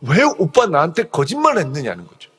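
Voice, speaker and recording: A man's voice: fairly high pitch, huge pitch swings, brisk, fairly bright tone, breathy edge, long reverb tail, exaggerated voice. A man voicing a coy, scheming young woman who pleads and whines in a raised voice. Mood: wheedling.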